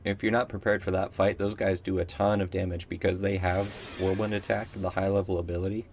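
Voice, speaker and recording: Young male gamer, deep monotone, rambly commentary with a faint hum behind. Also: a little fast. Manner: rambling, unsure, many ums, self-mocking. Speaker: gameplay commentator. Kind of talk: casual let's play commentary.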